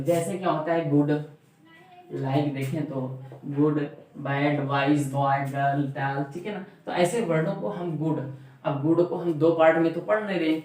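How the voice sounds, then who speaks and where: Brief: male classroom teacher, Indian accent on English terms, repetitive prompts, far off in a very echoey room. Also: a little high. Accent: Indian English words in Hindi speech. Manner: repetitive teacher's prompts, asking and answering own questions. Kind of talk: classroom grammar lesson.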